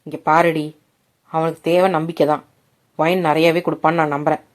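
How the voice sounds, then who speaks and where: A woman voicing a stern middle-aged father who gives gruff commands to his son and soft, low reassurance to his wife. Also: little pitch movement, fairly quick, natural voice. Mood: reassuring.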